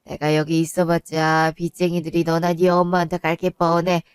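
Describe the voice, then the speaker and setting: A woman voicing a weary, indebted old father who speaks low, gentle and resigned in a one-voice audio drama. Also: completely flat delivery, normal speed, clear, resonant tone, no room sound, studio quality, lightly acted. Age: older.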